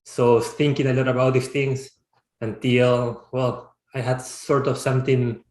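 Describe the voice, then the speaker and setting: A man in his thirties from Peru, a startup founder, answering interview questions reflectively and often pausing to restart his sentences. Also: mid-range voice, little pitch movement, darkish tone. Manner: reflective, searching for words with frequent restarts. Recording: roomy, echoey sound.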